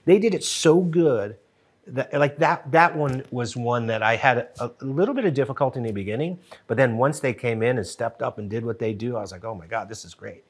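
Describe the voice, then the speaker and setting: Animated middle-aged man, podcast guest. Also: medium pitch, a little fast, slightly rough. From Western Pennsylvania. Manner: animated, gestures a lot, frequent restarts. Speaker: podcast guest, TV show co-creator. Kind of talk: casual interview chat. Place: wood-paneled podcast studio. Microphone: studio mic on boom arm.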